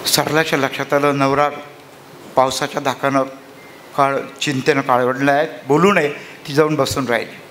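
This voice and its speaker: A man's voice: medium pitch, level tone, moderate pace, a bit bright, slight background noise. A man telling a rural story dramatically at a literary conference.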